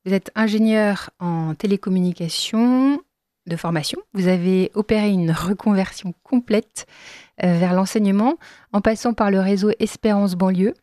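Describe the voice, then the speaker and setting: A woman hosting a radio talk show, introducing guests in a measured way. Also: medium pitch, mellow, no echo, clean studio sound. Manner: measured, slowing on key phrases, light laughs. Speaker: radio host.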